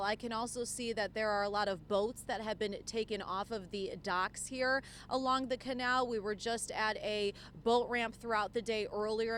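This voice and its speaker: A woman's voice: on the high side, a bit bright, a little hiss or hum. A woman field reporter giving a live news report outdoors, projecting as she describes the scene around her. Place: outdoors on streets and by storefronts.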